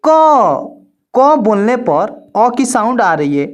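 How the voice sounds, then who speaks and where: A woman, teaching an online alphabet lesson in a patient, repetitive, drawn-out way. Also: mid-range voice, lively intonation. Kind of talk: slow step-by-step alphabet lesson.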